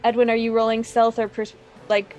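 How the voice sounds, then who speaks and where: A woman with a fairly high voice runs the tabletop session in a loose, chatty way. She talks through rolls and scenes casually, scattering filler words as she goes. Faint music plays underneath. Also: monotone, a little fast, darkish tone. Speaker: game master. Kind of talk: running a tabletop game.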